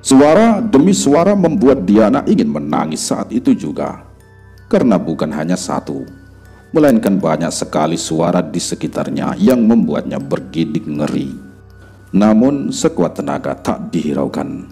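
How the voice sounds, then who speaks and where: A man narrating a horror story in a measured, dramatic way. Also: deep voice, sing-song, gravelly, mellow. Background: faint background music.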